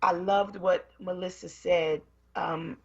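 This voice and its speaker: A woman radio co-host closes the show with a worn, hoarse, low voice. She speaks earnestly, with a faithful, emotional tone. The studio sound is a bit dull. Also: fairly even intonation, slow. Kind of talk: closing remarks on a talk show.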